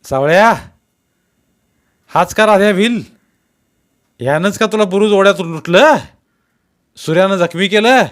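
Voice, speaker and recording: A man voicing a harsh, bullying village police constable who shouts threats and barks orders in a read-aloud story. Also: high voice, slow pace, hardly any pauses, pitched above the performer's own voice. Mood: furious bullying.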